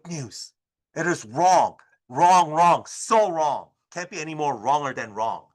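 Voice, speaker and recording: A man teaching a high school chemistry class, animated and exclamatory, checking in with "right?" after almost every point. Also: a little slow. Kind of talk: lively classroom lecture.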